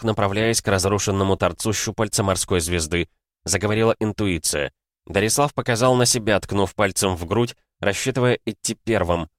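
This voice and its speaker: A man narrating an audiobook in a steady, measured reading. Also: on the low side, no room sound. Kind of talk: audiobook narration of science fiction. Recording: dry close studio sound.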